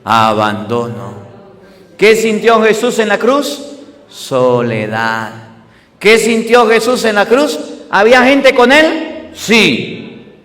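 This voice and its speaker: A man's voice: high voice, big pitch swings, slow, pauses often, fairly bright tone. A priest giving a sermon, asking his listeners questions and answering them himself. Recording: music and long hall reverb.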